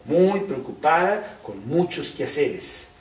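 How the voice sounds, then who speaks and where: A man preaching a conversational, animated sermon, full of rhetorical questions. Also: fairly high pitch, takes it slowly, slight background noise. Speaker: pastor. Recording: roomy, distant mic.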